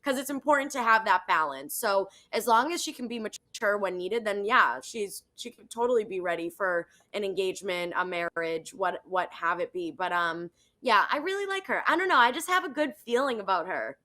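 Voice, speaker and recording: A woman's voice: mid-range voice, expressive, normal speed, sharp tone. A woman in her twenties co-hosting a reality TV recap over a video call, chatting casually in a rambling way full of "like". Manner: rambling, filler-heavy with frequent "like". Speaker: co-host of a reality TV recap show. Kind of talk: casual chat commentary.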